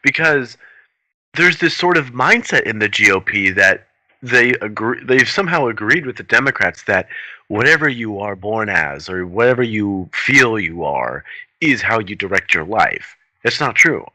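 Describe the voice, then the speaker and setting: Low-voiced rambling man co-host. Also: lively intonation, moderate pace, pushed and bright, no room sound, rough recording. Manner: rambling, restarts, earnest. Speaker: podcast co-host. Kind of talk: casual political chat.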